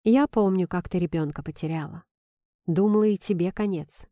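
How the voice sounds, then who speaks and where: A blunt, teasing young woman friend, read by a woman narrator in a warm, mellow tone, recorded dry and close. She talks sardonically and pointedly, pushing her friend with questions. She stays earnest and firm under the teasing. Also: lowish voice, normal speed, dry recording, natural voice.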